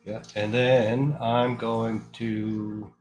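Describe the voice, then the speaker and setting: A man's voice: medium pitch, little pitch movement, drawn-out words. A man talking casually as a player in a tabletop game.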